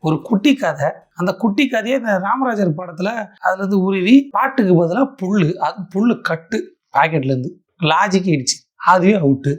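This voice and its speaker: A satirical commentator, giving mocking reaction commentary in a sarcastic, theatrical way. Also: mid-range voice.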